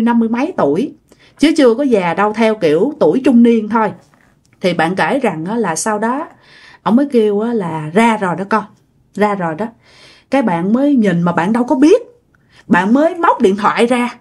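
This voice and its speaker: A woman with a Southern Vietnamese accent casually narrates a ghost story, chatting directly to her listeners with many fillers. Her voice is fairly high, animated, a little mellow and husky, at normal speed.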